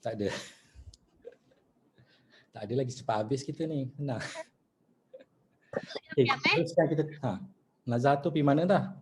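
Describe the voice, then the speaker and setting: A man with a Malaysian accent teaching news presentation in an online masterclass, chatty and relaxed, mixing in English words and reading sample news lines. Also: medium pitch, normal speed, pauses often, a little hiss or hum.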